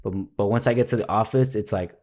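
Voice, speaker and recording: A young man in casual conversation, telling stories animatedly, acting out quotes loudly and swearing freely. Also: lowish voice, fast. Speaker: guest, video editor. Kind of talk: casual podcast chat.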